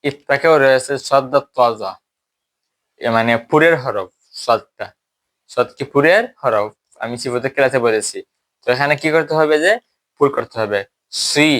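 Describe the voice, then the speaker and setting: A man gives a classroom lesson on recitation rules while standing at a whiteboard. He keeps asking his students questions and then answering them himself. When he demonstrates, he draws the Arabic words out slowly. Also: medium pitch, fairly bright tone. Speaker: Quran recitation teacher. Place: teaching at a whiteboard.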